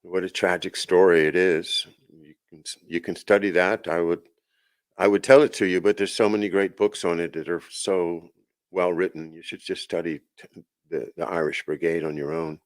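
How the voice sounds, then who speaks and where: A man with a very low, deep voice talks through a long solo monologue as host of his own show. He wanders from point to point, circling back with restarts and asides. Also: fairly even intonation, normal speed. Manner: rambling, with many restarts and asides. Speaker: podcast host. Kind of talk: casual monologue.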